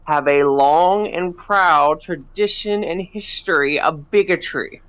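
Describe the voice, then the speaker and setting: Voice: mid-range voice, takes it slowly, fairly bright tone, clean tone, lo-fi sound. A tabletop game player in a casual roleplay chat over an online call, the voice choppy and cutting in and out. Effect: choppy audio cutting in and out on an online call.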